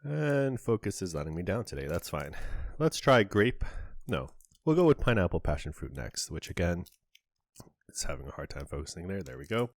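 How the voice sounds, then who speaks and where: A man's voice: low voice, big pitch swings, moderate pace, no echo. A man hosting a casual on-camera candy review, chatty and describing each flavor in detail with small asides. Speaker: candy reviewer, channel host.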